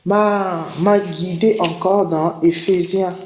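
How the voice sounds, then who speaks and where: Halting woman preacher in an echoey room. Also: lowish voice, fairly even intonation, darkish tone, slight background noise. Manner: halting, repeats and restarts words, reads verses slowly. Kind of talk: spoken testimony with scripture reading. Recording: roomy echo.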